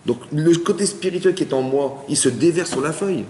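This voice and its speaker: A man teaching an informal Torah class to an audience, lively and conversational, often asking whether his listeners follow. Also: a little high, fairly quick, noisy background. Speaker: rabbi. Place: study hall with audience. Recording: roomy hall with long reverb.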